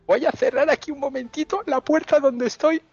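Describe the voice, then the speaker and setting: A man playing a boastful, foul-mouthed old space marine veteran in a nursing home, calling in with a husky voice over a dull phone line. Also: extremely high pitch, steady tone, fairly quick, no echo. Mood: hushed scared. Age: older. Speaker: phone-in comedy character.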